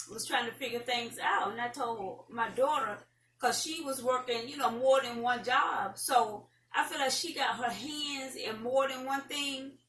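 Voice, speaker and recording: A woman's voice: on the high side, sharp tone. A middle-aged woman with a Southern American accent, chatting casually and giving folksy, rambling advice to viewers as an online host. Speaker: host of an online talk show. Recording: roomy, distant mic, faint noise.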